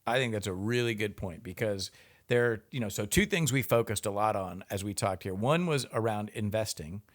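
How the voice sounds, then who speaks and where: A man hosting a casual podcast chat, with a dry, teasing humor and relaxed asides. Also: fairly low pitch, normal speed. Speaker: podcast host.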